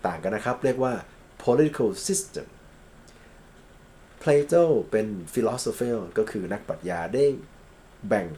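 A Thai man lecturing on English grammar and legal vocabulary, reading English examples slowly and then explaining them quickly. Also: medium pitch, expressive, warm tone.

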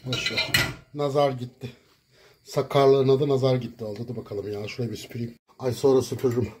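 A man recording a cooking vlog in his home kitchen, talking dramatically to viewers and breaking into loud, theatrical insults. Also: mid-range voice, level tone, brisk, slightly rough. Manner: dramatic, shouts insults, addresses viewers as "canlarım". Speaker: cooking vlogger.

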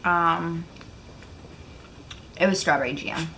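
A woman's voice: on the low side, fairly even intonation, slow pace. A young woman chatting casually through a taste-test game while eating jelly beans. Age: young adult. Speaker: jelly bean challenge player. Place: living room couch, indoors. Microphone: camera a short way off. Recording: clear background noise, home room.

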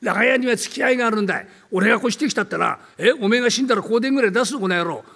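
Older man doing a brash, gravelly downtown Tokyo tough. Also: very high-pitched, racing, fairly bright tone, big-room sound, heavily acted. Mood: brash, bullying. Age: 70s. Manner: gruff, teasing, threatening. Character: brash bullying rough male Edo tenant. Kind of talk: rakugo storytelling.

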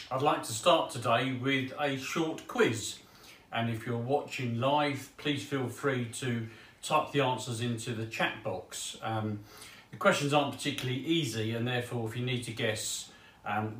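A man gives a casual sermon in a chatty, self-deprecating manner, scattering ums as he goes. His voice sits at a middle pitch and is picked up from a distance, so an echo in the room surrounds it. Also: unhurried, a bit bright. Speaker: preacher. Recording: roomy sound from off mic.

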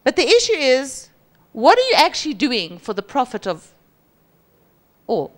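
A woman in her forties with a South African accent, preaching a sermon on a church stage into a handheld mic and mimicking boastful people. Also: measured pace. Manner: lively, acts out boastful voices with high pitch jumps. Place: large church hall stage.

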